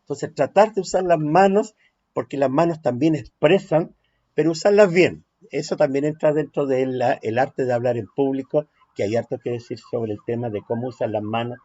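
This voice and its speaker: Mellow-voiced middle-aged man, an emphatic workshop teacher on a dull, lo-fi call mic. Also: mid-range voice. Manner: lively, emphatic, with pauses and "¿ya?" check-ins. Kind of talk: online workshop lesson. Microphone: computer mic on a video call. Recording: dull, lo-fi sound.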